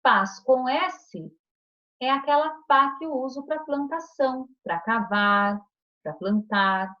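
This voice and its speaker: Lively patient woman teacher, lo-fi. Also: high voice, takes it slowly, faint music behind. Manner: patient, coaxing, speaks to children with many tag questions. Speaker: primary school teacher. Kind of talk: recorded online class. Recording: dull lo-fi recording.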